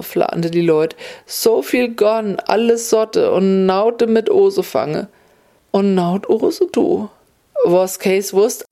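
Slow, warm Upper Hessian storyteller woman. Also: on the low side, clean tone. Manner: homely, unhurried storytelling. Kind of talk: folk tale told in dialect.

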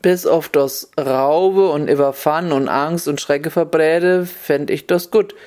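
A man voicing a good-natured young hero who speaks calmly and kindly in dialect. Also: fairly high pitch, slow pace.

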